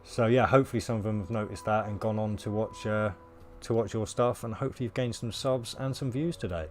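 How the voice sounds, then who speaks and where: A man with a hoarse voice, chatting casually with viewers on a game livestream. He rambles and fills pauses with ums and uhs. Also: lowish voice, fairly even intonation, darkish tone, slight background noise. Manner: rambling, many fillers, laughs at himself. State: losing his voice, coughing. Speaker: game streamer. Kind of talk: casual live-stream chat with viewers.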